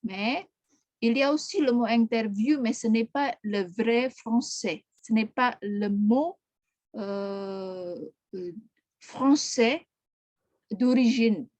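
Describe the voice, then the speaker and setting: A woman's voice: a little high, slow pace, darkish tone, dry recording. Patient woman teaching French. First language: Indonesian. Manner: patient, repeats questions, corrects pronunciation. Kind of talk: online language class.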